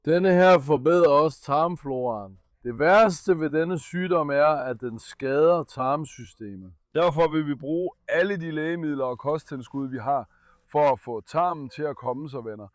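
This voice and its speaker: Young adult male vlogger, earnest and coaxing; a somewhat high voice, dry recording. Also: dry recording. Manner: gentle and coaxing with the dog, earnest when addressing viewers. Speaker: animal caretaker and channel host. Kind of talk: casual vlog explaining care of a sick puppy.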